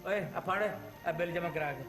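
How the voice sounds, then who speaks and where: A man's voice: on the high side, brisk, reverberant, over music, close to an everyday voice. An actor playing a grumpy, scolding retired father in an old TV drama. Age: older. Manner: grumbling, scolding, sarcastic. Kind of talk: 1980s TV drama acting.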